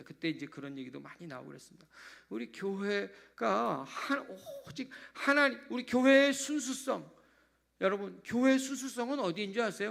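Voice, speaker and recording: A man, a pastor, preaching a sermon in a church, animated and swinging between loud emphasis and hushed asides, acting out little prayer dialogues. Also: high-pitched, gravelly. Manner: animated preaching, sudden drops to hushed tones. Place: church sanctuary.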